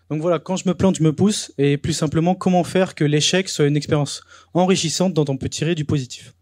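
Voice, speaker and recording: A young man hosts a talk event, presenting to a live audience in a chatty, casual way full of hesitations and fillers. His voice is a little high and a little mellow. The sound is clean studio quality with no echo.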